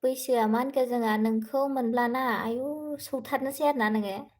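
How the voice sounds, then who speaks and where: A young woman hosting a casual live stream, reading out viewer comments and answering them in a soft voice while switching between languages. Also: a little high, fairly even intonation, moderate pace. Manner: speaking softly, says she cannot talk louder.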